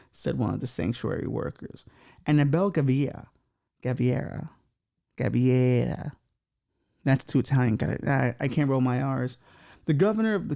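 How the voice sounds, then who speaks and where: A man with a gravelly, dark, mid-range voice hosts a comedy podcast. He riffs comically on news stories, reading them aloud with stumbles and making crude, mocking jokes while swearing freely.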